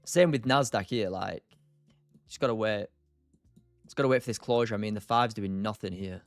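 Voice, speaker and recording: A man speaks close and dry into a desk mic, his tone tired and loose as he thinks out loud. He drifts between half-finished thoughts and quick replies to his chat. Faint music hums behind him. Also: on the low side, no room sound. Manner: thinks aloud, trails off, answers chat. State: tired, short on sleep. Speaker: streamer, day trader. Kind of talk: casual live-stream commentary.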